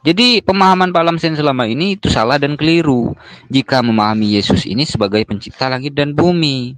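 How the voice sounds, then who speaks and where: A man calmly arguing a point in a religious debate, explaining to his opponent. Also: on the high side, fairly quick, no room sound.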